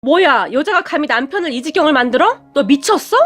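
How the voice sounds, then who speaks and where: A woman's voice: high voice, lively intonation, brisk, a bit bright. A woman voicing a young husband who blusters and whines. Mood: indignant shouting. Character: blustering young husband, hotheaded then pleading.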